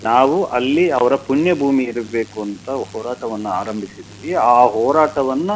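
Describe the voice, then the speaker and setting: A man speaking by phone in a news interview as a fan group's state president, measured and slow, then building to heated emphasis. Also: mid-range voice, a little hiss or hum, rough recording. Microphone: phone line.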